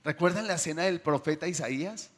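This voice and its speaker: A man preaching a sermon to his congregation, asking them questions and swinging between loud bursts and soft, drawn-out phrases. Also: fairly high pitch.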